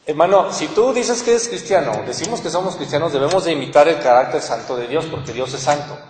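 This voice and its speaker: A man's voice: fairly high pitch, expressive, fairly quick, a little mellow. A man with a Mexican accent preaching a sermon as pastor, earnestly asking his listeners rhetorical questions. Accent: Mexican Spanish. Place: church hall. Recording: echoey church hall with long reverb.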